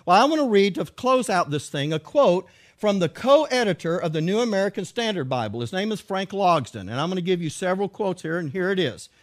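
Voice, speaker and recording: A man's voice: high-pitched, very animated, a little fast. A man giving a teaching talk with slides, reading verses aloud and asking his listeners rhetorical questions. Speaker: Bible teacher.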